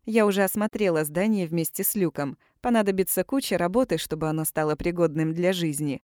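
A woman's voice: lowish voice, fairly quick, a little mellow, dry recording, clean studio sound, natural voice. A woman reading a bold, teasing woman. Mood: warm. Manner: teasing, blunt. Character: bold, teasing woman, former army doctor.

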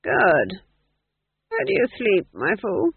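A man's voice: sits high, huge pitch swings, takes it slowly, gravelly, husky, no echo, pitched above the performer's own voice, full character voice. A man voicing a cold, scheming middle-aged duke, clipped and dryly sarcastic, on tinny audio.

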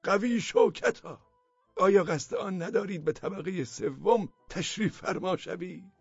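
Man playing a wily, flattering old man. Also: high voice, vocal fry, husky, no room sound, voice pushed up, exaggerated voice. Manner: courtly, mock-formal flattery. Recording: dull, dry, with faint music.

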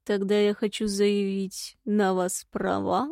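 A composed, commanding dark mage speaks slowly and quietly, as a woman narrator puts him on. He sounds self-assured and low-key. The sound is close and dry. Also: gravelly, dry recording. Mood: calm. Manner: slow, calm, quiet.

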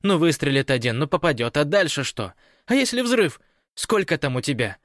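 Angry shouty boss guy, man putting it on, snarly, very lively pitch, audiobook. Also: moderate pace, dry recording, clean studio sound. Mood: furious shouting. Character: furious bossy male ruler, shouting. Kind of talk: audiobook character voice.

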